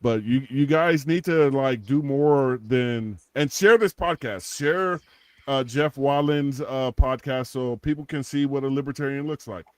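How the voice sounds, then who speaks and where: A podcast co-host in his forties speaks in a mid-range, clean voice at an unhurried pace, with no room sound. He jokes and rambles through a donation plug, restarting many times, in a casual chat full of sponsor-style plugs.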